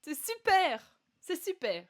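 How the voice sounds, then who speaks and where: A woman's voice: very high-pitched, sing-song, slow, dry recording, clean studio sound. A young woman singer-songwriter chatting casually with viewers between songs, giggly and talkative, coughing now and then. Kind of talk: casual live-stream chat between songs.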